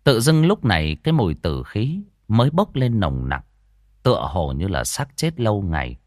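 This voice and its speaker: Man, storyteller, low voice, lively intonation, dry close sound. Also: moderate pace, no room sound. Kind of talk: audiobook narration.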